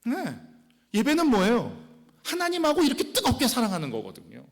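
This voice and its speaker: Animated male pastor in a reverberant church. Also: very high-pitched, fairly quick, gravelly. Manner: animated, swings from loud exclamations to hushed whispers; asks the congregation questions and mimics quoted people. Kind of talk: sermon. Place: church sanctuary.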